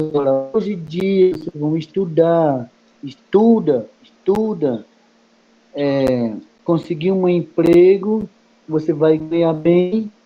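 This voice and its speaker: A man whose first language is Kayapó speaks in Portuguese as a guest in a study group meeting. He explains slowly and haltingly, repeating words between many fillers. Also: high-pitched. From Brazil. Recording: muffled lo-fi recording.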